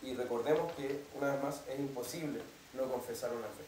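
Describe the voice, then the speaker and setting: A pastor explains his teaching sermon step by step in a church hall, regularly asking "¿cierto?" to see whether the congregation is following. His voice is medium-pitched, a little fast and a little mellow, recorded with a distant mic in an echoey space with slight background noise.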